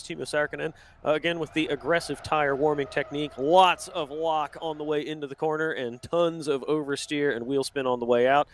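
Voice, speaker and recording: A man delivers live sim racing commentary at a steady clip, calling each corner and lap time. His voice sits a little on the high side. He often stops mid-sentence to correct a name or a turn number. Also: a little hiss or hum.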